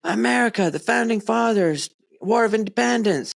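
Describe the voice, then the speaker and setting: This podcast host has a high, gravelly voice and speaks at a moderate pace. On a remote call, his casual interview chat is lively, sprinkled with friendly slang and laughter.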